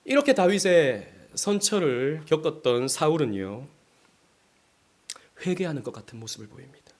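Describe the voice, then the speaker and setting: A male pastor from South Korea preaching a sermon, acting out quotes with sudden loud rises and hushed drops. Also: fairly high pitch.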